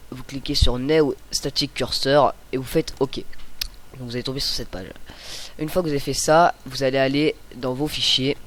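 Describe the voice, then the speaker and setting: A young man hosting a casual screen-recorded software tutorial, chatty and hesitant, with many fillers and self-corrections. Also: medium pitch. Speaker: tutorial host.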